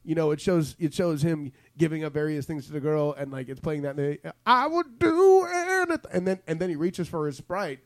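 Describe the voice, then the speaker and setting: A man's voice: on the high side, fairly even intonation, fairly quick, hardly any pauses, mellow, no room sound. Joking, rambling male podcast host. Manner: rambling and jokey, acts out lines from ads. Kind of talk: casual chat.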